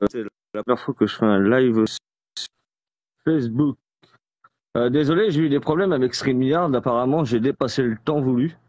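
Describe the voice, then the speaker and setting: A man's voice: mid-range voice, moderate pace, pauses often, darkish tone, no echo. A man hosting a live stream, flustered and apologetic, fumbling with the setup. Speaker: host of an online group live.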